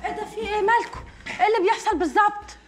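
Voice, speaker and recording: Brief: an anxious Egyptian mother, very high, quick. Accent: Egyptian Arabic. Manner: anxious, insistent. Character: worried young wife and mother, demanding answers. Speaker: actor. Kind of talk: TV drama acting.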